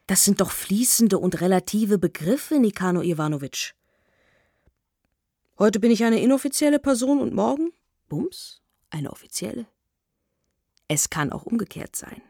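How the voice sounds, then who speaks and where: A woman's voice: mid-range voice, lively intonation, normal speed, long pauses, dark tone, breathy edge, dry recording, studio quality. A woman voicing a lanky, fawning male trickster with a ringing, brash tenor and an effusive, slippery manner.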